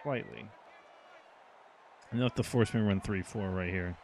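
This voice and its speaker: A man commenting out loud on his own football video game, reacting excitedly to each play. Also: low voice, normal speed, background noise. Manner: excitable, reacting to plays aloud. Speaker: gaming channel host.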